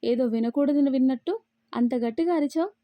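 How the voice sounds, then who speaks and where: A woman's voice: sits high, brisk, no room sound, lo-fi sound, lightly acted. A woman voicing a young man who jokes with his best friend in a storybook reading. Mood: bantering. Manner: chatty, banter-filled. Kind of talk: storybook read-aloud.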